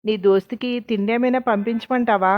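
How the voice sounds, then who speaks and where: A woman's voice: fairly high pitch, steady tone, fairly quick, no echo, dull audio, natural voice. A woman voicing a blunt, rustic middle-aged mother in a storybook reading. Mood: brusque.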